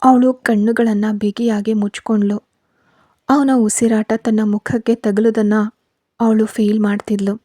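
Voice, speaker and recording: A woman telling a scripted story in a steady, even voice. Her tone is dark and mellow, and the close mic sounds completely dry. There is no room echo behind her. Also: on the high side, unhurried.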